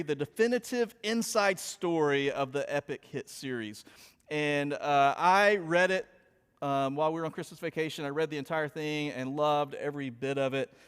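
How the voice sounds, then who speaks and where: Storytelling pastor in a reverberant church. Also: male voice, on the high side, clear, resonant tone. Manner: chatty storytelling, animated retelling. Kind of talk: sermon. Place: church sanctuary. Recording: long hall reverb.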